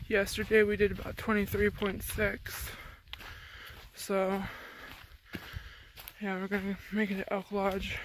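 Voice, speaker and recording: A woman's voice: medium pitch, a little hiss or hum, poor audio. A young woman filming herself while hiking through the forest, chatting casually and a little tired, with a phone held at arm's length outdoors. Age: young adult. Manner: chatty, rambling, laughs often, talks while walking. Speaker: thru-hiker vlogger. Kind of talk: casual trail vlog. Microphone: phone camera held at arm's length.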